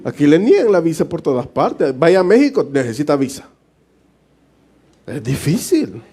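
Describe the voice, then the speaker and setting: A Salvadoran pastor leads a Bible study in an informal, conversational sermon, colloquial and joking, often chuckling and acting out little dialogues. His voice, with a Salvadoran Spanish accent, is a bit high, very animated, warm and husky, at a moderate pace.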